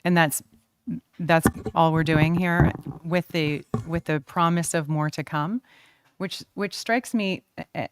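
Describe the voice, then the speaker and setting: A woman's voice: low voice, steady tone, measured pace, clean tone, dry recording. A woman councillor speaking up hesitantly and apologetically in a council debate.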